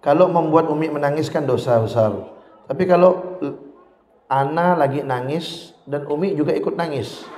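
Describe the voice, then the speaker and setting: A man's voice: fairly high pitch, moderate pace, a little mellow. A man giving a humorous religious lesson, who acts out little scenes in quoted voices, recorded in a lecture hall. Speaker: religious teacher. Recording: echoey hall with faint noise.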